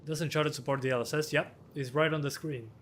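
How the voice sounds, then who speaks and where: A man in his twenties, slightly hoarse, casually answering viewer questions on a live stream as a hardware tester with quick chuckles. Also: a little high, fairly even intonation, a bit bright, a little hiss or hum. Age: 20s.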